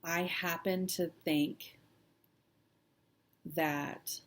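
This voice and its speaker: A woman vlogger chatting casually and personally, halting and hesitant with long pauses, sounding shaky and close to tears. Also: lowish voice, fairly even intonation. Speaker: cross-stitch vlog host. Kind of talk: casual personal chat to camera.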